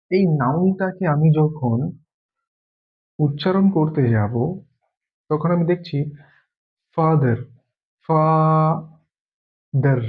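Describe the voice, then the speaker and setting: A man's voice: fairly high pitch, phone-quality sound. A man from Bengal teaching an English grammar lesson, explaining step by step and repeating key words as he goes.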